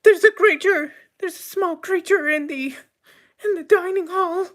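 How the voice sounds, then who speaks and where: A man voicing a frightened young cafe waitress in a tabletop game, with a shrill, panicky cry high above his own voice. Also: unhurried, a bit bright. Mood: panicked. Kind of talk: role-play voice in a tabletop game.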